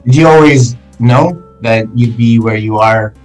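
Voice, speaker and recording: A man's voice: mid-range voice, measured pace, darkish tone, faint music behind, poor audio. A man hosting a podcast, asking questions in a casual, loose way. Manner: casual, loose phrasing with fillers. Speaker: podcast host.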